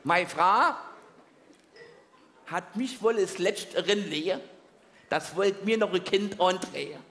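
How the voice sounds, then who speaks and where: A Saarland German man with a high voice doing a carnival stage routine. He trips and stammers comically over his opening words. The sound rings with a long hall reverb. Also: takes it slowly, fairly bright tone, a little hiss or hum. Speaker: carnival comedian. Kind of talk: stage comedy monologue. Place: large carnival hall with audience.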